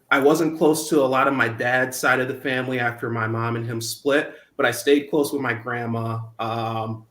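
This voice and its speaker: Halting young man in a roomy space. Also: medium pitch, fairly bright tone. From Minnesota. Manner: halting, many restarts and ums. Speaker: guest. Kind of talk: reflective interview talk. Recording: roomy echo.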